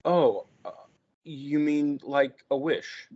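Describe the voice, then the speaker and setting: Reading slowly in a voice on the high side, a man voices a naive, sheltered young man at a table read of a play. The delivery is earnest, hesitant, stammering and wide-eyed, captured in muffled lo-fi sound with room echo.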